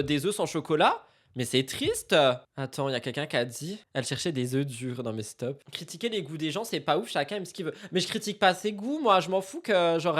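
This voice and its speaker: Chatty sarcastic man. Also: a little high. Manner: chatty and sarcastic, often turning loud and mock-outraged. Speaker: streamer reacting to celebrity news. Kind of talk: casual live-stream commentary.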